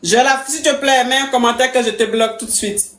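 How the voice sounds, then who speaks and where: A woman's voice: on the high side, steady tone, brisk, fairly bright tone, close to an everyday voice. A woman playing a brash, imperious coach who mocks callers and threatens to block them on a live stream. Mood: scolding. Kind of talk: comic live-stream parody. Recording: roomy echo.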